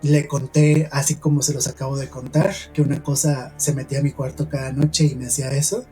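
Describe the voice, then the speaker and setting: A man with a Mexican accent, a podcast host from San Luis Potosí telling a personal paranormal story in an earnest, hushed way with many fillers. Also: medium pitch, level tone, brisk, faint music behind.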